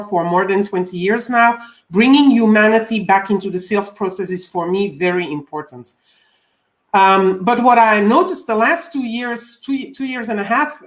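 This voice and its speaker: A woman from Belgium in her forties, a coach hosting a live stream, welcoming viewers over and over with frequent ums. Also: medium pitch. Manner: warm repeated welcomes, frequent ums, reads viewer comments.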